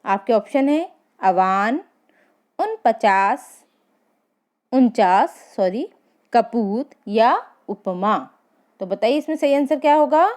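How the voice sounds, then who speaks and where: A woman teacher leading an exam-prep lesson, reading out each question and its options slowly, then giving and explaining the answers. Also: a little high, expressive, darkish tone.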